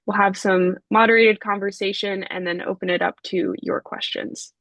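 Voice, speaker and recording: A woman's voice: medium pitch, steady tone, fairly bright tone, no room sound. Woman moderating an online panel, lots of ums, dry close sound. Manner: measured with frequent fillers. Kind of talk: webinar introduction. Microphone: video call.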